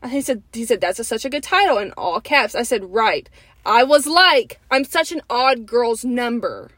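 A young woman co-hosting a podcast in casual chat, animated and argumentative, often laughing. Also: fairly high pitch, normal speed, no echo. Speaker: podcast co-host.

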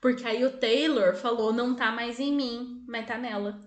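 High-voiced woman telling spooky tales. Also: normal speed, reverberant. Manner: animated, laughing, shifting into quoted voices. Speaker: podcast co-host. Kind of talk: casual storytelling chat.

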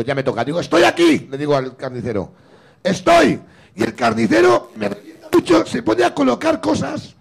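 A middle-aged man from Spain hosting a comedy show, telling a story with a gravelly, husky voice and acting out both sides. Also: sits high. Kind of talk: stand-up style storytelling.

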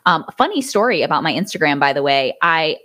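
A woman chats as a podcast guest, bubbly and quick to giggle. Her pitch swings up and down a lot as she tells a story. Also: sing-song, a bit bright. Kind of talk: casual interview chat.

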